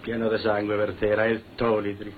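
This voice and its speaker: Bullying Roman dad type, played by a man, loud brag, thin tinny film-clip sound. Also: lowish voice, completely flat delivery, brisk, a little hiss or hum, lightly acted. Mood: menacing boast. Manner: boastful, menacing, shouting at times. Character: blustering Roman father, proud, threatening tough guy. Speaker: actor in a film scene.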